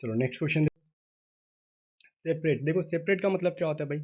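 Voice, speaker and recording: A chatty man gives an exam-prep vocabulary lesson, his voice sitting a little high. He spells words out slowly letter by letter and keeps checking that his viewers are following. The sound is thin and tinny, like a phone line. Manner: chatty, addresses viewers as "भाई". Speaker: vocabulary teacher.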